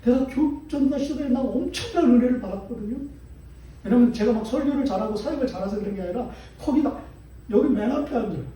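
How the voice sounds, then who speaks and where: A man pastor preaching a sermon with impassioned swings between loud declarations and hushed storytelling. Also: very high voice, lively intonation, quick pace. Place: church sanctuary. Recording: echoey hall, distant mic, faint ambience.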